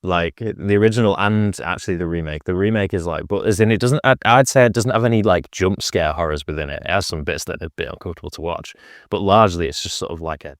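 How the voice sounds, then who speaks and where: A man's voice: low voice, fast talker, no room sound, clean studio sound. A man casually talking about films on a podcast, rambling with many fillers and restarts. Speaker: podcast host. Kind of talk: casual film chat.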